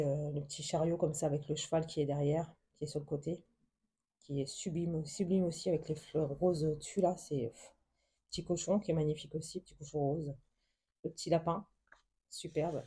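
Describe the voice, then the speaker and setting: Soft, husky-voiced woman gushing over crafts. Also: deep voice, fairly even intonation, normal speed, pauses often. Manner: soft, hesitant, many fillers, gushing with endless diminutives. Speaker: craft vlogger. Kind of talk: casual show-and-tell of a book haul.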